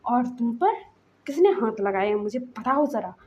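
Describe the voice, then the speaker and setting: A woman's voice: on the high side, expressive, measured pace, darkish tone, dull audio. A woman voicing a protective, worried male family elder demanding answers.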